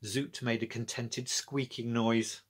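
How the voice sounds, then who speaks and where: A middle-aged British man, an author and storyteller, narrates a children's story in a small indoor room lined with bookshelves. His mid-range voice has a breathy edge, little pitch movement, and a slow pace.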